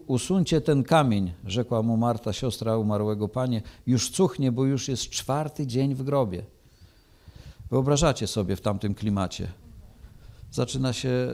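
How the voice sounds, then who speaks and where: A man's voice: medium pitch, dark tone. A man preaching, reading a Bible passage aloud and then explaining it, with frequent hesitations.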